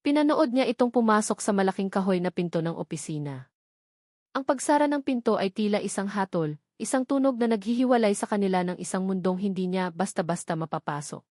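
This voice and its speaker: Reading a dramatic story from a script, this Filipino-accented narrator has a mid-range, slightly mellow voice with lively intonation and a somewhat fast pace. The studio-quality recording carries no room sound.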